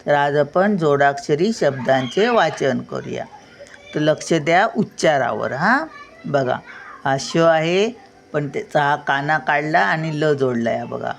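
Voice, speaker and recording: An older woman with a Marathi accent, teaching children to read and say each word slowly and carefully, repeating every word. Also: low-pitched, expressive, vocal fry. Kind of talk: reading lesson for children.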